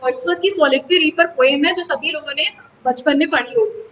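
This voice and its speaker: A woman's voice: high voice, brisk, fairly bright tone, slight background noise, low-quality recording. A woman teaching in a classroom lecture style, explaining step by step and mixing English terms into her talk.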